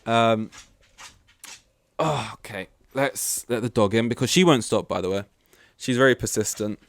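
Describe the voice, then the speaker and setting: This young guy hosts a one-man podcast from his home, where his dog keeps him company, chatting offhandedly and dropping casual swears. He uses a plugged-in desk mic, and his medium-pitched voice is gravelly at a moderate pace.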